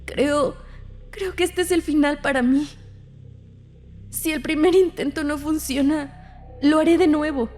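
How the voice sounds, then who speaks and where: A woman's voice: high-pitched, unhurried, darkish tone, in a large hall. A woman voicing the narrator's desperate, tearful young sister in a horror audio drama. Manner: pleading, tearful.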